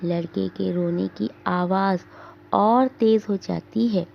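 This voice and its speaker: A woman teacher reading a drama aloud for her class, giving the scene directions slowly and deliberately. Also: medium pitch, fairly even intonation, gravelly. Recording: dull lo-fi recording.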